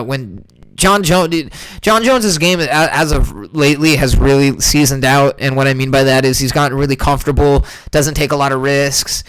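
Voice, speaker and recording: A man talking through an upcoming fight card in a loose, rambling way, stumbling over his words and correcting himself constantly. His voice sounds smooth and resonant. The recording is dry and close, with no room sound around him. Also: mid-range voice, fairly bright tone, no room sound, poor audio. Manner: rambling, many fillers and self-corrections. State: hiccups. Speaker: MMA podcast host. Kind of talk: casual fight breakdown.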